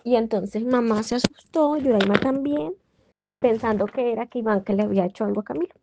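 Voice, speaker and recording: A woman's voice: fairly high pitch, a little fast, gravelly, noisy background. A woman casually telling a family anecdote, rambling with many restarts. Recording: dull lo-fi dry recording.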